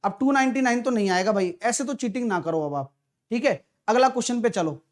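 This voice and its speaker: A man teaching a live online maths class for exam prep, chatty and coaxing, constantly quizzing his students with quick questions. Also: extremely high pitch, lively intonation.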